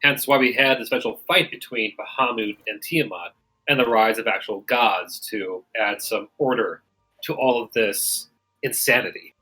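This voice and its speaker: A man's voice: lowish voice, normal speed, sharp tone, slightly rough, rough recording. A man narrating and explaining lore as game master of a tabletop game, in a rambling, casual way with many fillers.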